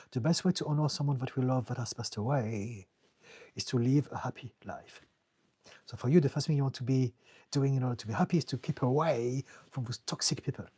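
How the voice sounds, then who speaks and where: Speaking with a French accent, a therapist from France fields live-stream questions and gives casual advice, earnest and direct, now and then repeating words as he hunts for the right one. The dry recording captures a mid-range, mellow voice with a breathy edge.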